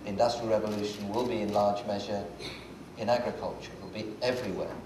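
A university teacher, a man, closes his presentation with firm, declarative lines. His voice is on the low side. The recording is roomy and distant, with clear background noise. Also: level tone, quick pace. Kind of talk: presentation closing. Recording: echoey hall, distant mic, noise.

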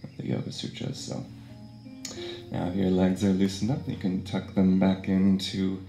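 A man leading a yoga and meditation session, giving calm, unhurried instructions and chanting mantra syllables. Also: sits low, vocal fry, reverberant, soft background music.

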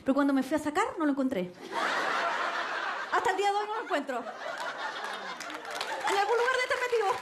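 A young Chilean woman doing a stand-up comedy set on stage, brash and slangy, swinging her pitch for quoted voices. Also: very animated, a little fast, pauses often. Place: stage before a live audience. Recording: noisy live TV stage with crowd. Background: crowd laughter.

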